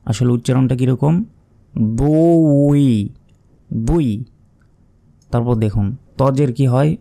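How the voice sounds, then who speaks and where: A man teaching Quran letter pronunciation in a slow, step-by-step lesson, repeating each syllable twice and asking questions before answering them. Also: mid-range voice, steady tone, gravelly, mellow. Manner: asks the listener questions, then answers them.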